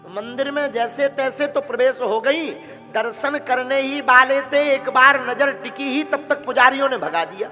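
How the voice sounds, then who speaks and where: High, bright-voiced man telling a devotional story. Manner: dramatic, slow storytelling with florid devotional phrasing. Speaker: religious storyteller. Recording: reverberant hall with faint instrumental music.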